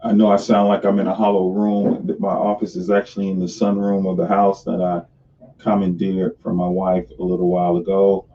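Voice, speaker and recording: A man's voice: sits low, monotone, brisk, a little hiss or hum. A man hosting a casual live stream from his home sunroom office. He talks loosely and restarts his sentences, and his voice is picked up by the camera on his screen, so it sounds hollow, like a cave. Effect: hollow, cave-like echo. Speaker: host of a live money stream. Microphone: camera on top of the computer screen. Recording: distant, dull webcam-mic sound in a hollow room.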